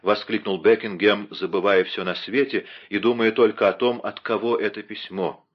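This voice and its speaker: A man narrating a classic adventure novel in an expressive, dramatic literary reading. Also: on the low side, moderate pace, dull audio. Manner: dramatic, steady storytelling. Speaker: audiobook narrator.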